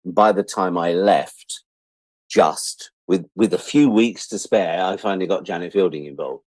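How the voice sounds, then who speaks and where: Animated and self-mocking, this middle-aged Briton, a producer and director of audio drama, trades stories as a guest in a casual interview and performs the conversations he recalls. He speaks at normal speed in a deep voice, recorded dry.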